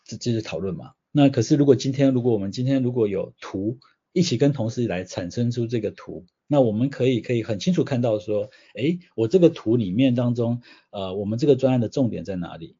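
A man's voice: medium pitch, animated, brisk, dark tone, husky. A man, a guest explaining ideas patiently through everyday examples. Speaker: guest, systems change consultant. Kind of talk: explanatory interview answers. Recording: slightly dull audio.

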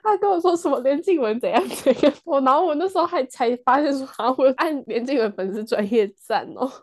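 A woman's voice: sits high, lively intonation, fast. A young woman with a Taiwanese accent, chatting casually as a podcast co-host. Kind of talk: casual chat.

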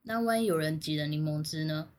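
A woman's voice: low voice, brisk, darkish tone. A woman co-hosting a casual podcast, steering the talk with questions. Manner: leads with questions, steers the topic. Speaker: podcast co-host.

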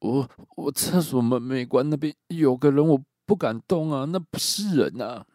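A man doing a frightened young guy, stammering, panicky, high-pitched and quite loud, dry close sound. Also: lively intonation, normal speed, no room sound, close to an everyday voice. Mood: terrified. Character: terrified young man on the phone.

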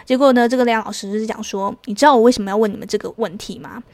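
A woman's voice: a little high, steady tone, very fast, darkish tone, dry recording. A woman with a Taiwanese Mandarin accent hosting a casual solo podcast, chatty and storytelling, with many fillers. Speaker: podcast host.

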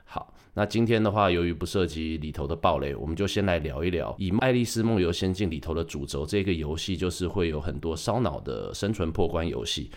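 A low-pitched man with a Taiwanese Mandarin accent talks through his podcast in a relaxed solo chat. He keeps it light with joking asides and corrects himself as he goes. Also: fairly quick, few pauses. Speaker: podcast host. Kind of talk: casual solo podcast talk.

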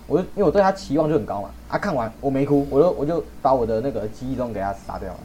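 A young man hosts a loose podcast chat, talking quickly. He jokes, teases and swears freely. A faint hiss of noise sits under the voice. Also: mid-range voice, animated, mellow. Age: young adult. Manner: fast, joking, swears a lot. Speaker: podcast host. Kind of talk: casual chat.

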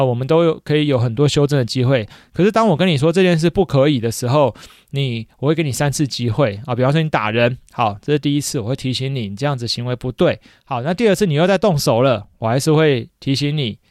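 A man's voice: mid-range voice, no room sound, studio quality. A man, a teacher hosting his own podcast, talking casually and reflectively with frequent "dui" fillers. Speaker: podcast host and schoolteacher. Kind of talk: casual solo podcast monologue.

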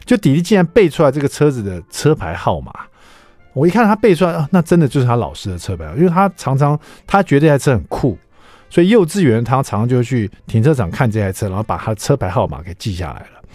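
A middle-aged man with a Taiwanese Mandarin accent, hosting a radio show and chatting through an animated story. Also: medium pitch, fast, no room sound, faint music behind. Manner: animated, chatty, acts out quoted lines. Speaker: radio host. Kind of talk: casual storytelling monologue. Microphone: studio microphone.

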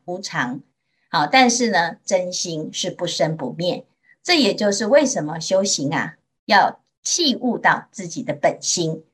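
Woman, Buddhist nun, Taiwanese Mandarin accent, gentle storytelling sermon, drawn-out particles. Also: mid-range voice, breathy edge. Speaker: Buddhist nun teaching sutra.

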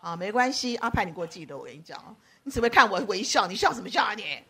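A woman preacher, giving a lively sermon, teasing her listeners by name and acting out quoted voices. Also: mid-range voice, quick pace, breathy edge. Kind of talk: lively sermon with audience banter.

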